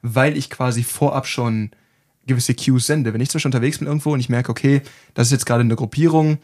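A man co-hosting a podcast as a self-defence trainer, explaining his views casually and tagging many sentences with quick questions. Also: mid-range voice, steady tone, a little mellow.

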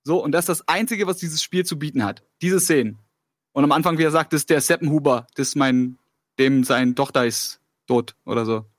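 Fast-talking male panelist, emphatic and argumentative, bone-dry mic. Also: on the high side, dry recording. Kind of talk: casual debate on a game show panel.

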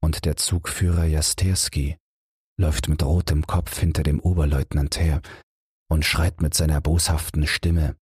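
Deep husky bedtime audiobook narrator, a man. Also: level tone, no echo, clean studio sound. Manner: measured, gentle, unhurried storytelling. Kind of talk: calm bedtime audiobook reading.

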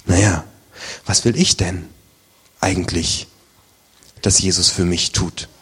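A man's voice: low voice, steady tone, slow, fairly bright tone, slightly rough. A man preaching a sermon as pastor, in a colloquial, vivid way that acts out the voices he quotes. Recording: long reverb of a large hall.

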